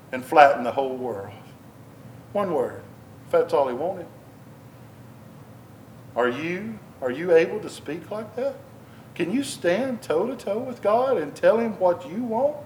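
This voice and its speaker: In a low-quality recording with slight background noise, a man with a somewhat high voice preaches a Bible sermon in church, animated yet unhurried, with long pauses. Speaking conversationally into a microphone, he restarts phrases, repeats himself, and presses his listeners with questions that rise in emphasis.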